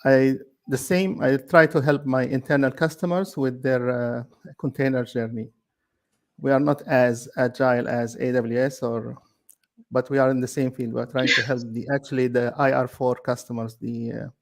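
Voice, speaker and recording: A man from Libya talks in a gravelly, mid-pitched voice. He speaks haltingly, with many fillers, as a guest on an online panel call. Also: flat delivery. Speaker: guest expert. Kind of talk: casual online panel chat.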